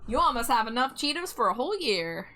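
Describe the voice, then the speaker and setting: A woman's voice: fairly high pitch, big pitch swings, fast, crowd noise. A woman hosting a casual livestream, chatting in a cute, playful anime-streamer manner. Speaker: livestream host.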